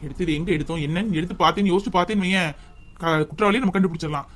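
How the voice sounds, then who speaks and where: A man playing an earnest young husband in a home drama, talking fast in a high voice, urging and advising with steady concern. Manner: urgent, advising. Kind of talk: family drama skit.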